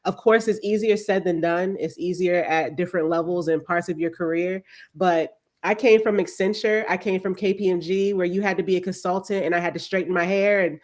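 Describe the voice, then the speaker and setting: Low-voiced woman moderating a panel. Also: fairly even intonation, a little fast. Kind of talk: panel discussion.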